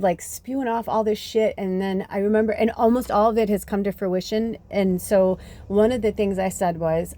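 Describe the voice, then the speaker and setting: A woman's voice: mid-range voice, dark tone. A woman in her fifties giving a rambling, profane, casual tarot reading with lots of fillers. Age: 50s. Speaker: tarot reader.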